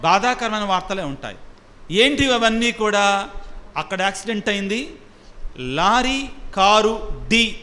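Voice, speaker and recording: High bright-voiced priest in reverberant hall. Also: male voice, animated, unhurried, long pauses. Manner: quizzes the congregation with repeated questions; mixes in English phrases. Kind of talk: sermon with call-and-response. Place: church hall with congregation.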